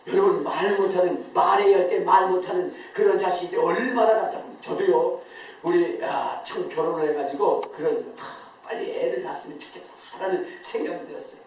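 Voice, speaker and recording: A man's voice: high-pitched, a little mellow, slight background noise. A male pastor gives a Sunday sermon with emphasis. He quizzes his congregation and often laughs as he talks. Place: church sanctuary. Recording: very echoey church, voice from far off.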